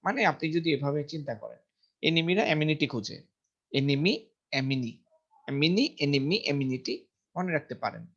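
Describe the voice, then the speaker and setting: A man's voice: fairly high pitch, brisk, long pauses. A man teaching English vocabulary in a casual lesson, repeating each word several times and checking pronunciation aloud. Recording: dull lo-fi recording.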